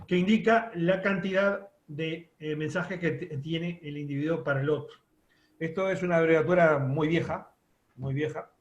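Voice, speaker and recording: A man's voice: fairly high pitch, reverberant, lo-fi sound. A man teaching a radio course, explaining step by step with many fillers and restarts. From Uruguay. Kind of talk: online class lecture.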